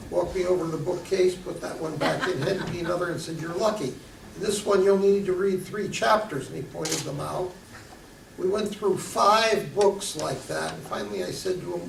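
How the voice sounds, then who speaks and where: A man's voice: high voice, creaky, slight background noise. An older man on a conference panel, telling stories with dry, self-mocking humor. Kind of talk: panel talk, storytelling. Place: conference hall. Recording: echoey hall, mic from a distance.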